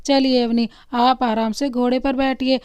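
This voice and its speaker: A woman's voice: high-pitched, level tone, measured pace, darkish tone, clean tone, no echo, muffled recording. A woman voicing a strict, elderly royal grandmother in a storybook reading, firm and commanding. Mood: stern.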